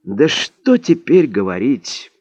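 A man voicing a stern old male Indian sage who speaks slowly and emphatically, scolding his student. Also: mid-range voice, huge pitch swings, darkish tone, breathy edge, dry recording, highs cut off, full character voice.

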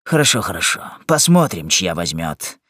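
A man's voice: deep voice, sing-song, moderate pace, no room sound, studio quality, pitched below the performer's own voice, full character voice. A man voicing a coarse, drunken male cobbler-jailer who bullies and snarls in an audiobook. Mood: surly. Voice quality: growling, coarse. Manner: bullying, shouting. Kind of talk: audiobook character reading.

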